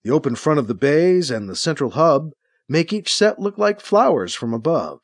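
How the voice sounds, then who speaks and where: Expressive male audiobook narrator. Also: a little high, normal speed, no room sound, studio quality.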